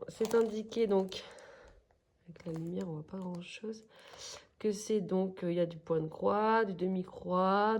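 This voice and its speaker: A woman with a fairly low, slightly mellow voice and a French accent chats through unboxing craft kits as a crafts vlogger. She speaks slowly and hesitantly, relying on many fillers.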